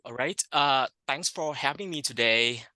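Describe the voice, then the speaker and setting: Man, Thai accent, economics professor, interview, very bright tone, dry sound, unhurried, lots of fillers. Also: medium pitch, dry recording. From Thailand. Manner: unhurried, many fillers and restarts. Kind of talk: interview answers.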